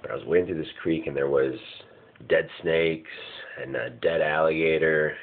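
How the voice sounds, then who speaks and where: A man's voice: extremely low pitch, level tone, moderate pace. A man casually recounting his dreams in a hazy, puzzled way, vague and often searching for words. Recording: muffled phone-like lo-fi sound.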